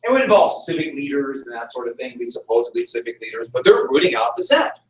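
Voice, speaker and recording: Talking quickly in a sing-song, medium-pitched voice, a man lectures his history class in a conversational style, going back over key points to stress them. The recording picks up an echoey room from a distant mic.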